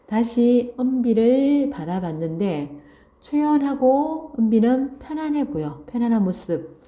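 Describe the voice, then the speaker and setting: A woman's voice: a little high, big pitch swings, warm tone. A woman teacher reading a story aloud and explaining it line by line, repeating key words and checking in with students. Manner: reads passages aloud, then restates key words slowly and asks "그치?". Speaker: Korean language teacher. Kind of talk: online literature lesson, reading and explaining a story.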